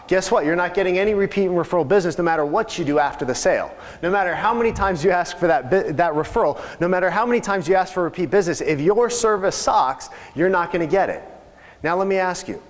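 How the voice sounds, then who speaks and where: A man leading a live real estate sales training, talking conversationally and asking the audience questions. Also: fairly high pitch. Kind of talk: live training seminar talk. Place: training room with reverb. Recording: live room recording with long reverb.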